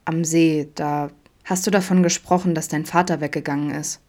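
A woman voicing Adam, a shy, troubled middle-aged father who speaks quietly and with sighs, in an audiobook. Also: low-pitched, steady tone, normal speed, natural voice. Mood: subdued.

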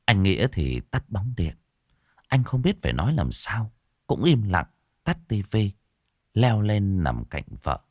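A man narrating a ghost story in a dramatic style, dropping to a hush and then surging. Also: lowish voice, very animated, a little slow, dry recording, studio quality. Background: faint music.

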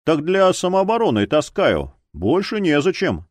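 A man's voice: a little high, huge pitch swings, unhurried, dry recording, voice pushed up. An easygoing aging cook, voiced by a male narrator, bantering and defending himself with a drawl. His talk is joking and self-deprecating, recorded close and dry. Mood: innocent.

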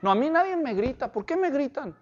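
A man's voice: very high voice, sing-song, brisk, pitched above the performer's own voice. A man voicing a stranded driver who frets to himself and grows indignant, on a dull lo-fi recording. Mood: fretful. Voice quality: fretful muttering to himself. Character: stranded male driver, worried, growing indignant.

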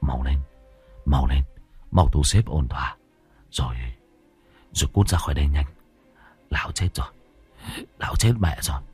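A man voicing a panicked young master who stammers and shouts. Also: a bass voice, very animated, normal speed, creaky, long pauses, slightly rough, soft background music, pitched below the performer's own voice, full character voice. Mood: urgent hissing.

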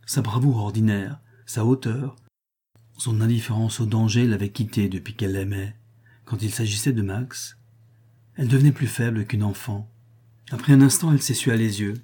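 A man reads a novel aloud in measured, expressive narration. His voice sits low, with a dark and slightly husky tone that gives the prose a soft grain. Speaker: audiobook reader.

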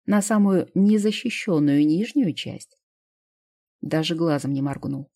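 A woman reading first-person narration from an audiobook in an even, measured way. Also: low voice.

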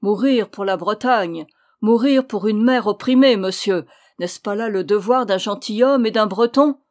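A woman reading the lines of a stern old male nobleman in an audiobook, slow and solemn. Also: mid-range voice, close to an everyday voice.

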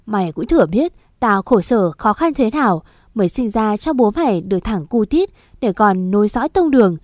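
A woman voicing a spiteful, scheming stepmother in an audio story, hurling fast, loud accusations. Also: mid-range voice, animated, dry recording, clean studio sound, lightly acted. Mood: spiteful accusing.

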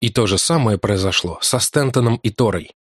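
A man voicing a haunted, grief-stricken male explorer in an audiobook, speaking urgently, at times flat and numb, in a dry, close studio sound. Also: fairly low pitch, a little fast, breathy edge, no room sound. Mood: commanding.

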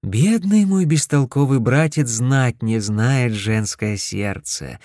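A man's voice: medium pitch, takes it slowly, a little mellow, dry recording, clean studio sound, natural voice. A man voicing a brash, teasing older sister. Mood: lively.

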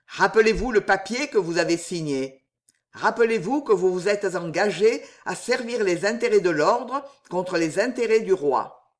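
A man voicing a stern older superior of a religious order who threatens and lectures in a cold, commanding way. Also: sits high.

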